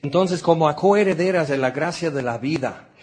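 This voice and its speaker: With a Mexican accent and a slightly high voice, a man preaches a sermon at a fairly quick pace. He speaks emphatically, swings between raised and hushed delivery, and aims rhetorical questions directly at his listeners.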